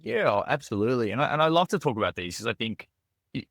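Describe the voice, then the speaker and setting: A man's voice: mid-range voice, sing-song, fast, creaky, a bit bright, no room sound, studio quality. A man with an Australian accent, a restaurant founder speaking as a guest in a casual podcast interview, earnest and full of "you know" fillers and restarts. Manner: earnest, with frequent fillers and repeated words.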